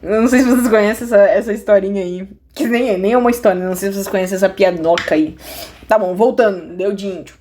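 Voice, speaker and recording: A woman's voice: medium pitch, quick pace, a little mellow, slight background noise. A woman with a Brazilian Portuguese accent teaching a casual math lesson at her desk, joking, full of slang and talking straight to viewers. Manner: restless, many restarts and asides. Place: at a desk indoors.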